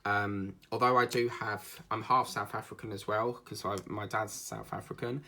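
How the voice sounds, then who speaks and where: An Essex man who makes diamond painting videos chats and rambles about his day while working on a craft piece for his channel, using plenty of fillers. His lowish voice is flat and creaky yet pushed and bright, at a normal speed.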